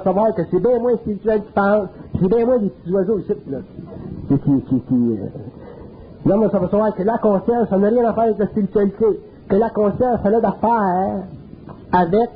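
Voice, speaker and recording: High-voiced Quebec man lecturing earthily. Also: slight background noise. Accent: Quebec French. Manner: colloquial, earthy, emphatic. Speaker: speaker. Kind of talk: spiritual lecture. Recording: narrow phone-like old tape.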